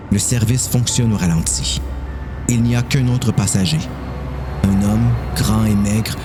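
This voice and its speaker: A suspense tale is read slowly and deliberately by a male audio-drama narrator whose accent is Quebec French. He speaks at a fairly low pitch.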